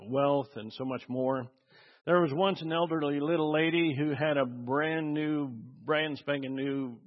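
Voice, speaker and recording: Conversational male pastor in a reverberant hall. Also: medium pitch. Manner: conversational, asks the congregation questions, uses many fillers. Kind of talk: sermon. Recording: dull audio with long hall reverb.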